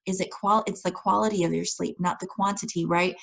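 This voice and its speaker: A woman's voice: on the low side, steady tone, fairly quick, gravelly, poor audio. A woman hosting a podcast interview, talking with effusive enthusiasm in a casual chat. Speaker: podcast host.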